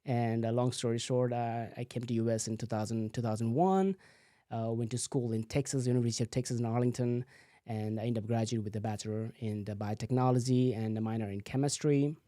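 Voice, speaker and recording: A man's voice: mid-range voice, steady tone, a little fast, mellow, no echo, studio quality. A man, a physical therapist telling his story as a guest, full of "you know" fillers. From Nepal. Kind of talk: casual interview answers.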